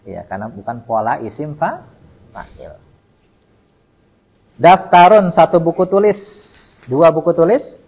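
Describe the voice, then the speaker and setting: Husky-voiced male grammar teacher drilling a class. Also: a little high, lively intonation, unhurried, long pauses, a little mellow, low-quality recording. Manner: quizzes students by name, repeats terms for the class to finish. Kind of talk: classroom lecture with call-and-response drilling. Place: mosque study session.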